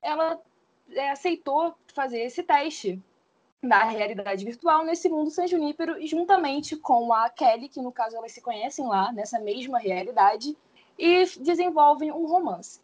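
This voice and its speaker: A woman's voice: sits high, expressive, normal speed, darkish tone. A woman in her twenties, a podcast guest explaining at length with many hedging fillers. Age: 20s. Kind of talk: casual podcast discussion.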